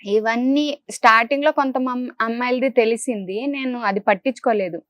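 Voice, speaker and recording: A young woman speaking as an interview guest, softly and hesitantly, often trailing off into a quieter voice. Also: a little high, normal speed, dry recording. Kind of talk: emotional interview recounting a breakup.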